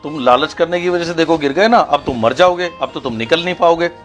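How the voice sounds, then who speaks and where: A man voicing a crowd of know-it-all frogs who scold and mock in a higher, pushed voice in a spoken story. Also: a little fast, faint music behind, natural voice.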